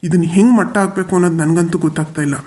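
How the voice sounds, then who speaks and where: An actor voicing a weary, resigned middle-aged father in a cartoon, who talks slowly and consoles his wife. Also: medium pitch, steady tone, darkish tone, slightly rough, natural voice. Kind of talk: cartoon voice acting.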